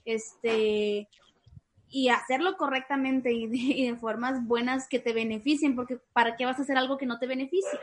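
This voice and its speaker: A woman in a casual chat, cheerful and quick to laugh. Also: fairly high pitch, steady tone.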